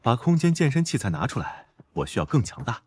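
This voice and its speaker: A husky, steady soldier husband, clipped and calm. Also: male voice, medium pitch, fast talker. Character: protective young husband, a tough ex-soldier.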